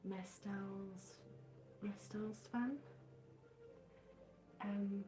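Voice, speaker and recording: A woman with a cold and a stuffy voice, chatting gently and apologetically in a soft-spoken ASMR craft livestream from her living room on a smartphone. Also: lowish voice, rough recording. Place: living room, at a folded dining table.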